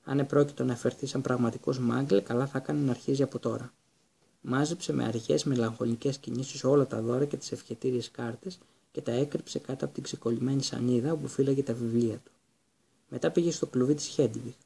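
A man narrating an audiobook in an even, storytelling manner. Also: medium pitch, creaky, slightly rough. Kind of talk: scripted narration.

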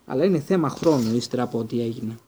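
A man voicing a drunk, gloomy giant gamekeeper in an audiobook, with a hoarse, miserable, self-blaming manner. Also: medium pitch, expressive, mellow, slight background noise, lightly acted.

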